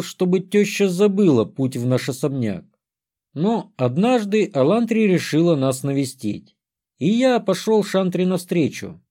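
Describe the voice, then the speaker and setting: A man narrates a comic fantasy audiobook in the first person with a wry, storytelling tone. His voice sits a bit high for a man, but it sounds mellow and dark, and it swings lively up and down through each sentence.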